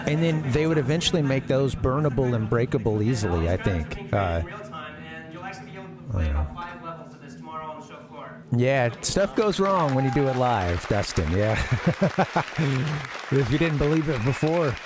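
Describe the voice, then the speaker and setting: A man's voice: medium pitch, very animated, a little slow, long pauses, a crowd in the background. A man hosting a live stream, casually commenting on an old demo video, often restarting his sentences and chuckling. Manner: rambling, self-interrupting, chuckling. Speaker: streamer host.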